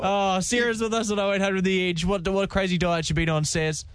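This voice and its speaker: A man with a fairly high voice and a New Zealand accent hosts a casual radio show. He talks in blokey, matey slang like a tradesman. His humour is joking and self-deprecating. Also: fairly even intonation, fairly quick, clean tone. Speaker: radio host. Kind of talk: casual radio chat with callers.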